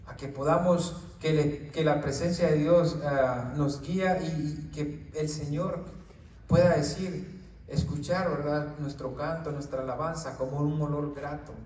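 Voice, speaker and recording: A man's voice: fairly high pitch, steady tone, unhurried, darkish tone. A male preacher giving an informal Bible teaching to a small group, often tagging his lines with "right?" and "brother" and stumbling over words. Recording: echoey room, distant mic.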